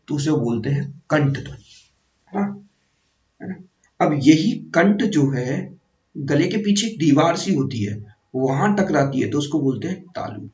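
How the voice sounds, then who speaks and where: A man's voice: fairly high pitch, vocal fry, a little mellow. A male teacher giving an exam-prep grammar lesson, explaining step by step, calling viewers friends and correcting himself as he goes. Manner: explanatory, repeats 'theek hai' and 'hai na'. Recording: echoey room, distant mic, dull sound.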